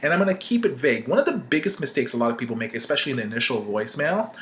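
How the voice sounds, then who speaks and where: Rapid-fire and expressive, this man's mid-range voice has a fairly bright tone. He's teaching marketing in an informal, emphatic way, acting out example calls and frequently tossing in "right?" to check in.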